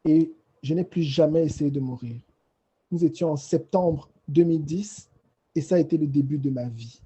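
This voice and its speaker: Dark-voiced man sharing his faith story. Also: fairly high pitch, husky. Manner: emotional, halting storytelling with repeated phrases. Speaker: panelist. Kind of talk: personal faith testimony.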